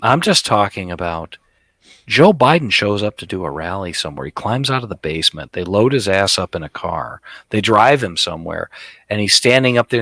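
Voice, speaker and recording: A man's voice: on the low side, pushed and bright, no echo. A middle-aged man co-hosting a casual political chat podcast, talking emphatically and mockingly, often repeating himself. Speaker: podcast co-host.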